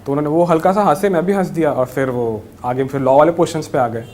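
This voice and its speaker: A man's voice: a little high, fast, a little mellow, slight background noise. A young man giving friendly, reassuring interview advice and mixing English words into his Hindi. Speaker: interview guest, newly selected civil judge.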